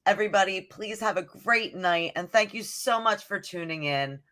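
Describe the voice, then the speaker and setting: A woman's voice: medium pitch, normal speed, a bit bright. A woman co-hosting a podcast, telling stories in casual chat and leaning on "like" a lot. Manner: chatty storyteller, fills talk with "like". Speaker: podcast co-host.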